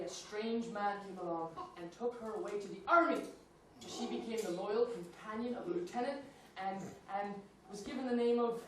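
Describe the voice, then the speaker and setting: A woman's voice: a little high, close to an everyday voice. A woman playing a cheerful, bumbling young male soldier on stage, chatty and giggly. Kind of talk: stage play acting. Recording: echoey stage recorded from far off, noisy.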